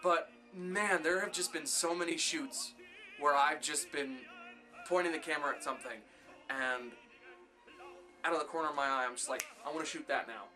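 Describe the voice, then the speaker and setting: Young man, casual vlog Q&A, bright, slightly high voice, faint music behind. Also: moderate pace, long pauses. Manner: enthusiastic, animated when reading questions aloud. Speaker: vlogger answering viewer questions.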